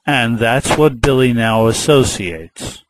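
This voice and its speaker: Very slow, patient male math teacher. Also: medium pitch, animated, background noise. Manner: patient, repetitive, storytelling explanation. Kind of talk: slow explanatory lesson.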